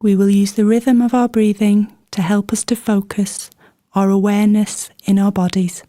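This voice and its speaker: In a warm, mellow, relaxed mid-range voice, a woman reads a scripted body scan meditation, soft and soothing, taking her time between each instruction. There's no room sound at all; the audio is completely dry.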